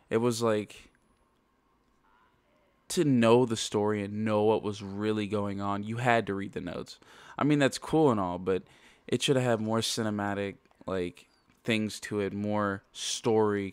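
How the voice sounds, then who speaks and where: A man's voice: on the low side, clear, resonant tone, no room sound. Congested man ranting about a game. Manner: rambling, ranting, heavy use of "like". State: congested nose. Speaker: game reviewer. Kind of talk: casual spoken game review.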